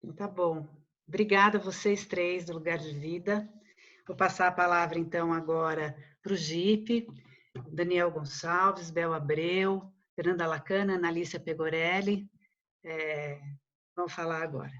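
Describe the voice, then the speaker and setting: A Brazilian woman moderates a video meeting, her voice fairly low. She is brisk and polite, moving the speakers along, over dull, lo-fi call audio. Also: steady tone, a bit bright. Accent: Brazilian Portuguese.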